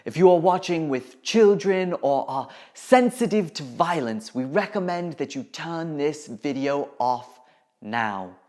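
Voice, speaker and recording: Slow, dramatic woman presenting a nature documentary. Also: sits low, animated, a little mellow. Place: studio. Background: background music.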